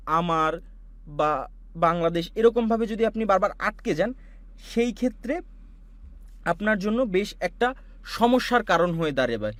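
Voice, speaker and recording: A man from Bangladesh giving an online class, walking students through audio software with patient, repetitive explanations. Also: high voice, dry recording. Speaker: online course instructor. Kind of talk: screen-share software tutorial.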